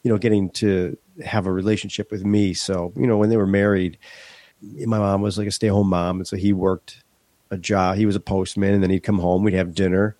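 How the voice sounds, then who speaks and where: This podcast guest has a deep, mellow voice with little pitch movement and a brisk delivery, recorded without any room sound. He's a stuffed-up middle-aged Western New Yorker fighting a head cold, speaking frankly in a laid-back interview and frequently starting over mid-thought.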